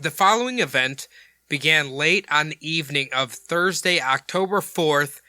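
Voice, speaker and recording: A man's voice: fairly high pitch, lively intonation, moderate pace, bright, forceful tone, no room sound, studio quality. A man hosting a podcast, retelling a case in a casual, rambling, jokey way with crude asides. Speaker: podcast host.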